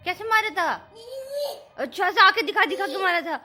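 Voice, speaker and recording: A woman's voice: extremely high pitch, moderate pace, bright, forceful tone. A woman in playful family chat, laughing and exclaiming as she retells what a child tells her, with faint music behind. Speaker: family vlogger.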